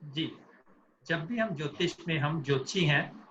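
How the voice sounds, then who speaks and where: A man's voice: fairly high pitch, measured pace, fairly bright tone, slight background noise. Guy lecturing an astrology class, explains w everyday examples, roomy lo-fi sound. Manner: explains with everyday examples, acts out quoted people. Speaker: astrology teacher.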